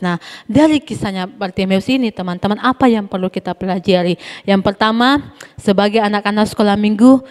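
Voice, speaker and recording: A woman's voice: medium pitch, darkish tone. A woman teaching a Sunday school class, telling a Bible story animatedly and quizzing the children with questions. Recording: echoey room with long reverb.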